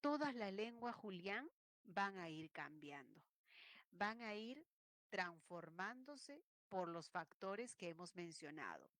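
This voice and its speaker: A woman's voice: medium pitch, expressive, takes it slowly, a bit bright, no room sound. A woman teaching an online language lesson, explaining points and acting out regional ways of speaking. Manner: explanatory, acts out regional speech examples.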